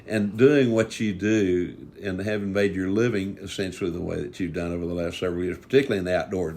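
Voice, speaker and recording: A man's voice: deep voice, a little mellow. A man, a podcast host talking about hunting in a folksy, earnest, rambling way. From Texas. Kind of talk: casual podcast interview.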